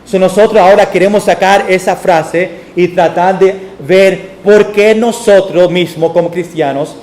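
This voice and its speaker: A man with a high voice preaches a sermon from a church pulpit. His voice rings around a roomy, echoey sanctuary. He tells homely stories and slips into the voices of the people he quotes. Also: steady tone, a little slow, a little mellow. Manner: storytelling, acting out quoted voices. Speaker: pastor.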